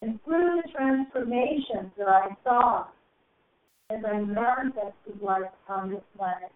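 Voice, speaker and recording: A woman channeling a spiritual message to a group, speaking in slow, solemn, drawn-out phrases that swell and soar, heard over a phone call. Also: mid-range voice, a crowd in the background. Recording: tinny phone line.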